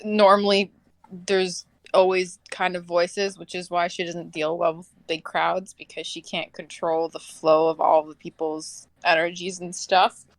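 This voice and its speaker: A woman's voice: on the low side, flat delivery, measured pace, no echo. A woman playing in a tabletop role-playing game, chatting casually, laughing a lot and saying "like" often. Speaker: player.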